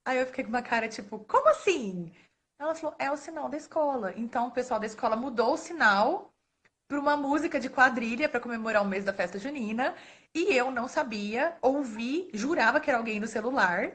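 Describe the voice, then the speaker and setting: A woman in her thirties from Brazil tells stories from her work in a casual, animated way. She laughs often and slips into other people's voices when she quotes them. Her voice sits a little high, and she sounds like she is on a phone or webcam mic. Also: brisk. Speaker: guest speaker, librarian. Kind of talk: casual storytelling in a live talk. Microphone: phone or webcam on a live stream.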